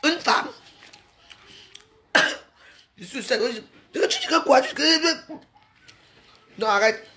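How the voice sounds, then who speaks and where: A woman talking to her online followers in a mocking, scolding rant, full of quick restarts and jabs. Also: sits high, huge pitch swings, pushed and bright. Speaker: social media personality. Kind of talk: ranting live video.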